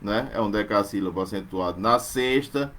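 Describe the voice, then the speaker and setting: A man teaching a live online literature class, explaining verse form and scanning lines slowly syllable by syllable, often checking in with tag questions. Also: lowish voice, fairly bright tone.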